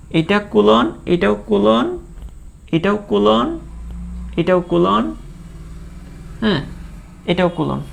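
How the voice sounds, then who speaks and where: A teacher with a high, strongly gravelly voice delivers a biology lesson recorded for an online lecture. He drills terms through repetition, poses questions and answers them himself, and speaks aloud the questions students might ask.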